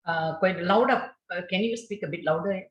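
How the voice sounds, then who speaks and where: A woman hosting an online class, handing over to the teacher and checking his sound in a quick, friendly way. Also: lowish voice, roomy sound, muffled recording. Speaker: class host.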